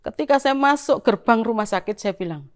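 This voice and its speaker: Her voice on the high side and her pace brisk, a middle-aged woman gives her church testimony to the congregation. She speaks Indonesian with a Javanese influence and tells it as lively storytelling.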